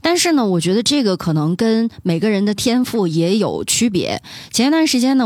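A woman's voice: mid-range voice, dry recording. A woman co-hosting a casual science podcast, talking things through with small anecdotes. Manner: chatty, explains with small anecdotes. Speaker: podcast co-host.

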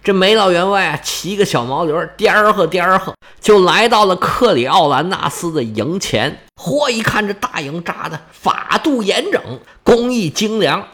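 A male storyteller in an animated, colloquial storytelling performance. His voice sits a little high and swings widely in pitch as he tells the tale with comic asides. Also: moderate pace, few pauses.

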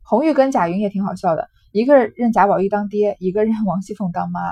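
A woman's voice: medium pitch, fast, mellow, breathy edge, no echo. A woman explaining a classic novel, retelling its scenes in a conversational way with small fillers. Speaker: literature lecturer.

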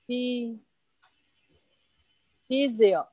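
A woman's voice: on the high side, drawn-out words, a little mellow, no room sound. A woman student in an online lesson, hesitantly repeating English vocabulary words over a video call.

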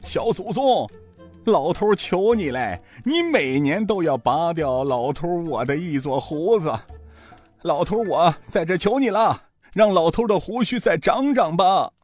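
A man's voice: fairly high pitch, expressive, a little slow, a little mellow, breathy edge, faint music behind, voice pushed up. A man voicing a comic old male master thief who grumbles and pleads in a wheedling whine. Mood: pleading.

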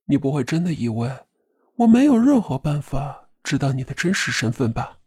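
A woman's voice: rumbling low, sing-song, normal speed, dark tone, slight background noise. A woman voicing a sinister clown puppet assassin with a distorted, eerie voice, taunting and giggling. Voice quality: distorted, eerie, ugly processed voice. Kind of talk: audiobook drama voice.

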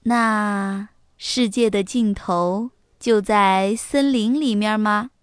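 A woman voicing a gentle, worried mother fox in a children's storybook reading, soft and encouraging. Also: medium pitch, slow pace, clear, resonant tone, dry recording, clean studio sound, pitched below the performer's own voice, lightly acted. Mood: caring.

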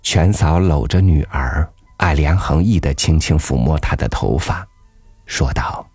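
A man reading a story aloud in a calm, measured storytelling voice. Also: extremely low pitch, husky, dry recording. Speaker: audiobook narrator. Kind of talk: scripted storybook narration. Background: soft background music.

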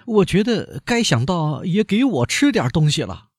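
A man's voice: high-pitched, big pitch swings, moderate pace, slightly rough, no echo, clean studio sound, pitched above the performer's own voice, heavily acted. A man voicing a pampered middle-aged banker held captive, pleading and wheedling for food. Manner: wheedling, pleading and put-upon.

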